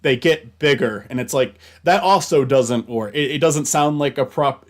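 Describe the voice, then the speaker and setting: A man's voice: medium pitch, moderate pace. Young man, stream host, casual chat, rambling, restarts a lot, swears casually.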